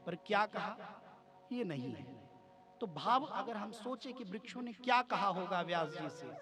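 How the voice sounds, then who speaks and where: A man preaching a devotional scripture sermon, telling the story in a sing-song way with frequent rhetorical questions. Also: high-pitched. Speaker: religious storyteller.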